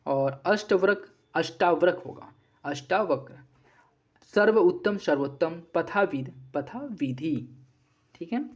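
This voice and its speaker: A teacher giving an exam-prep grammar lesson, running quickly through corrections in a set drilling pattern. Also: mid-range voice. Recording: dull lo-fi recording.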